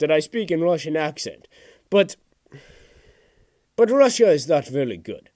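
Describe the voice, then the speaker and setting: A man's voice: high voice, mellow, no room sound, heavily acted. A teenage boy putting on a stern Russian presenter for a satirical school report, speaking in clipped, broken phrases that drop their articles. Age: teens. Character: comically stern Russian man presenting politics. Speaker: student presenting a school project.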